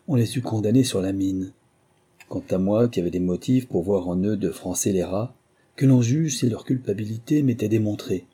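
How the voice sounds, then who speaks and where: A man with a French accent narrates in a steady, literary first-person manner. His voice is dark and husky and sits rather low. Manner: measured, literary storytelling. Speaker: audiobook narrator.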